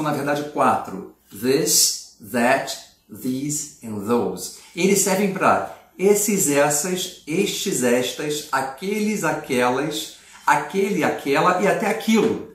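A middle-aged male English teacher explaining grammar in a casual video lesson, patient and clear, with slow model sentences. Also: on the high side, big pitch swings. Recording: echoey room, mic at a distance.

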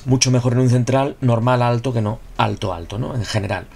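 A man with a gravelly, slightly creaky voice at an ordinary pitch talks through a football game card review. He keeps it casual and chatty, circles back to his points and tosses in rhetorical questions. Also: a little fast, a little mellow. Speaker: gaming YouTuber reviewing a player card. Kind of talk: casual video review commentary.

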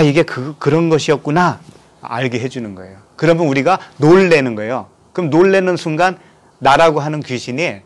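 A man from Korea, a pastor, preaching a sermon, reading scripture aloud and asking his listeners questions. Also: medium pitch. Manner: asks the congregation questions and reads scripture aloud.

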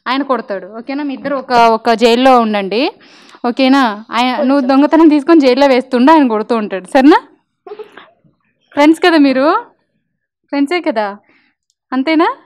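A high-pitched young woman works as an anchor, chatting with children in a light, teasing way. She talks a lot and keeps asking them questions. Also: normal speed, pauses often, a little mellow. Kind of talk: playful interview with children.

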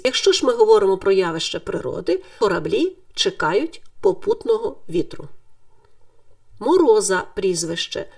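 Woman teacher with lively, gravelly delivery. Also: medium pitch, far from the mic. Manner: clear, deliberate, stresses word endings. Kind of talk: scripted grammar lesson.

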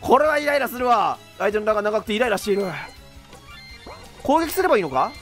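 A young man doing let's play commentary, rough-talking and exasperated, laughing often. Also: high voice, big pitch swings, fast talker, faint music behind. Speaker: game commentator.

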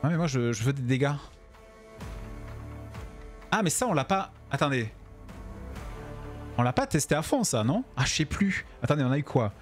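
A man's voice: mid-range voice, sing-song, normal speed, long pauses, soft background music. A tired man streaming a game from home, chatting with his viewers and tripping over his words. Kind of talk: casual gameplay commentary.

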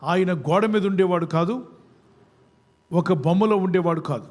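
Before a gathered congregation, a male pastor with a high, slightly mellow voice preaches at a moderate pace. His sermon runs on call-and-response, asking questions and prompting the people to answer aloud.

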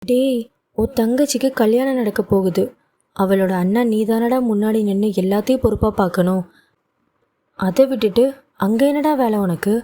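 A woman's voice: medium pitch, moderate pace, pauses often, warm tone, close to an everyday voice. A woman voicing a worried middle-aged mother who fusses and scolds her grown son. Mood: scolding. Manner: scolding, emotional.

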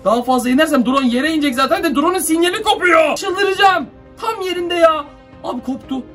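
Fast-talking, with a very high voice and fairly bright tone, this young man records a horror-drone video from a distance. He nervously describes something strange to his viewers, frightened and jittery, muttering orders at the drone while light music plays behind his off-mic voice.

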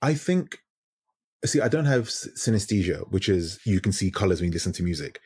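A man's voice: sits low, very animated, fairly quick, a little mellow, breathy edge. A man in his thirties, a guest DJ, talking in a casual podcast interview over a video call, reflective and searching for words. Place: home room with lit wall.

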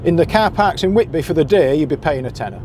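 Speaking fast with an animated, slightly mellow and somewhat high voice, this man guides anglers for a boat skipper. He chats casually and gives practical directions as he drives. The sound of the car and road runs behind him.

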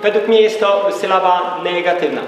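A man's voice: sits high, steady tone, moderate pace, a crowd in the background. A man lecturing to a live audience in an emphatic way, throwing out rhetorical questions. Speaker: speaker at a gathering. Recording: echoey hall from far off.

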